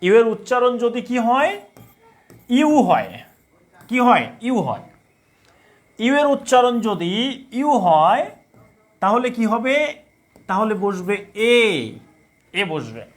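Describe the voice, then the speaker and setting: A man's voice: sits high, sing-song, takes it slowly, long pauses. A man teaching English grammar in a live online class, asking questions and repeating the answers to drill his students. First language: Bengali. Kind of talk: live online class, reading chat comments.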